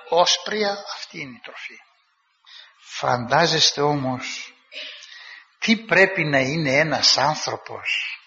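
A male preacher delivers a sermon in a very bright, sharp, somewhat high voice. He tells his stories vividly and acts out the quoted dialogue in a raised voice. A dull recording carries a long reverb, as in a large hall. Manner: lively storytelling, acting out quoted dialogue in a raised voice.

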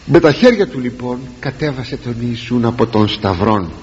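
Animated preacher in an echoing church. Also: male voice, a little hiss or hum. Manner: animated, rising to emphatic peaks and dropping low. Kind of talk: sermon. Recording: dull lo-fi recording with long hall reverb.

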